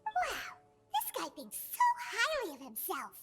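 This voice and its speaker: A woman voicing a small, cheeky, excitable fairy companion in an anime-style video game. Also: extremely high pitch, unhurried, over music, heavily acted. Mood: astonished. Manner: speaks of self in third person, blunt, exclamatory.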